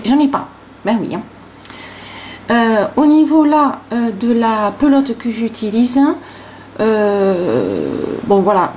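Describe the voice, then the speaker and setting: A woman's voice: mid-range voice, darkish tone, a little hiss or hum. A middle-aged woman with a regional French accent, hosting a casual crochet tutorial and talking in a chatty way, full of fillers like "hein" and "voilà".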